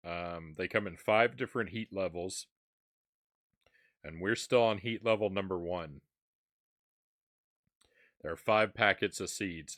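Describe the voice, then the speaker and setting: A man's voice: deep voice, a bit bright. A man hosting a live stream, chatting casually with viewers and sighing as he eats spicy snacks. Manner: chatty, sighs and reacts while eating spicy seeds.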